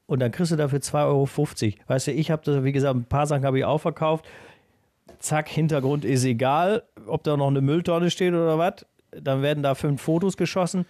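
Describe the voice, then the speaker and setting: A man's voice: fairly high pitch, steady tone, a little fast, a little mellow, dry recording. A man co-hosting a podcast in a casual chat, musing and reflecting with a slightly hesitant delivery. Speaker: podcast co-host.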